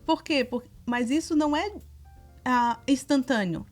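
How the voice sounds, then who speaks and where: Woman, 30s, high voice, animated parenting co-host over soft music. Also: a little slow. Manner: animated, acts out quoted dialogue with her children.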